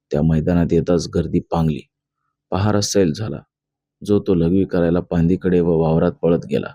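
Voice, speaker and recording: A man's voice: low voice, gravelly, warm tone, no echo, lo-fi sound. A man reading a novel aloud as a narrator, telling the story steadily and voicing the characters' lines himself. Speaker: audiobook narrator.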